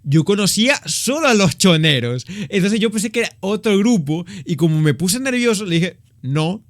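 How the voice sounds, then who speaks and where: Ecuadorian guy in his 20s, swearing a lot, tells stories all animated, bit high voice, dry close mic. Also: normal speed, dry recording. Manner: slangy, profane, animated retelling. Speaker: vlogger. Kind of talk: casual storytelling vlog.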